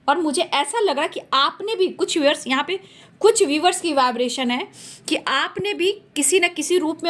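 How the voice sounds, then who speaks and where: Animated high-voiced woman tarot reader. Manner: emphatic, repeats phrases for stress. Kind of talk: tarot reading to viewers.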